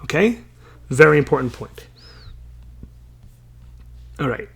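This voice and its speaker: Male Bible teacher, slightly high voice, casual and talky, slow verse readings, lots of checking questions. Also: animated, vocal fry, slightly rough. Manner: chatty, many fillers and checking questions; reads verses slowly, then translates.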